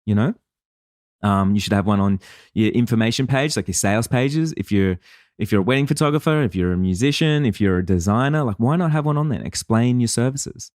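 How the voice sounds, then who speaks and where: A man's voice: mid-range voice, animated, brisk, a little mellow, dry recording, studio quality. A man hosting a solo podcast as a business coach, talking in a punchy, emphatic, casual way with some swearing. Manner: acts out listeners' and clients' voices.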